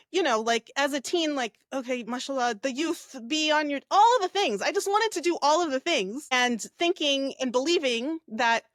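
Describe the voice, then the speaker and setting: A woman's voice: on the high side, no room sound, clean studio sound. A woman raised in the United States, a mindset coach, talking in a casual, reflective way about her upbringing, with many fillers and tag questions. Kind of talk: casual interview talk.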